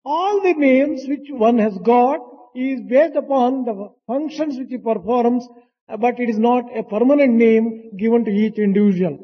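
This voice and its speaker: An interpreter translating a spiritual discourse in a large hall, speaking haltingly with hesitations. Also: medium pitch. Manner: slow, halting delivery with hesitations. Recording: dull archival recording with long hall reverb.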